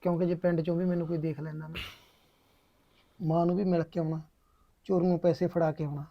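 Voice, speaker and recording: A man's voice: a little high, flat delivery, creaky, dull audio. A man playing a remorseful young kidnapper. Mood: bitter. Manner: halting, confessional, repeats phrases. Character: young male kidnapper, poor, bitter and remorseful. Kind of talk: short film drama acting.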